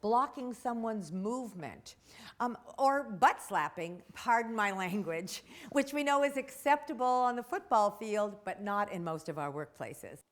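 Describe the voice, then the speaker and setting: Brief: female trainer, lively pitch, brisk and joking. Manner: brisk, plain-spoken, jokey. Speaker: workplace trainer. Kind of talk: training presentation.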